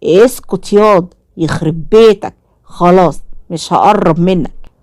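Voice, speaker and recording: A woman's voice: lowish voice, a little mellow, dry recording, clean studio sound, close to an everyday voice. Woman doing a sly fake sheikh. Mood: menacing. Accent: Egyptian Arabic. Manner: slow, coaxing, sly. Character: sly scheming man posing as a sheikh.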